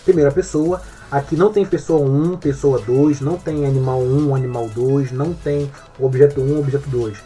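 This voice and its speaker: A Portuguese-speaking man teaches English grammar in a patient, step-by-step way, often pausing to check that the listener follows. His voice is mellow and relaxed, at a middle pitch for a man. Faint music plays quietly under the lesson. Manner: explains step by step with frequent check-ins.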